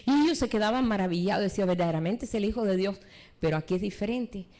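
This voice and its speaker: A woman's voice: mid-range voice, fast talker. A woman teaching a church seminar live, preaching with rhetorical questions and retelling stories from her own life. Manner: animated preaching with rhetorical questions and retold anecdotes. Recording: live stream recording.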